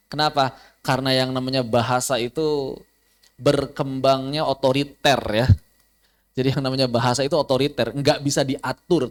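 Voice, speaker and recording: A man gives an online Quran recitation lesson, his somewhat high voice jumping up sharply to stress a point. He works through example after example and repeats the key words. Now and then he slows down to chant a line of Arabic verse. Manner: lively, sudden jumps in pitch for emphasis. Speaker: tajwid teacher.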